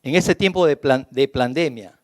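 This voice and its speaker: A man's voice: medium pitch, normal speed, no echo, clean studio sound. A man with a Peruvian Spanish accent preaching a sermon as pastor, emphatic and building through long lists. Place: church.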